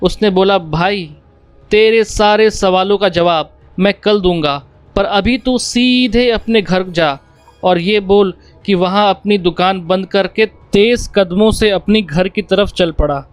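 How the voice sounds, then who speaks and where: High-voiced man telling a horror story. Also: measured pace, clear, resonant tone, dry recording. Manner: plain storytelling, voicing dialogue without changing voice. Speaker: narrator. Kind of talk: first-person horror story narration. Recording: dry close mic with faint music behind. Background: faint background music.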